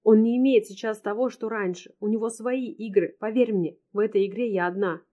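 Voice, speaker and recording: A woman's voice: medium pitch, steady tone, a little fast, mellow, natural voice. A woman voicing a frightened young woman who sobs and pleads, trapped and desperate. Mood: tearful. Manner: sobbing, pleading.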